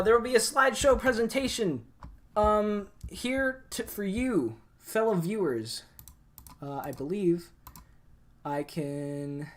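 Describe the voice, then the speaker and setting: A livestream host rambling through technical setup with lots of fillers before running an improv game. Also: mid-range voice. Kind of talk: casual livestream hosting.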